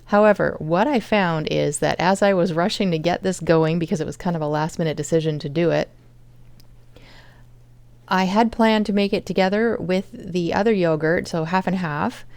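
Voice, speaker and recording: A woman's voice: lowish voice, normal speed, a little mellow, clean tone, dry recording. A woman casually narrating her home cooking vlog, explaining each step as she goes. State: chronic fatigue.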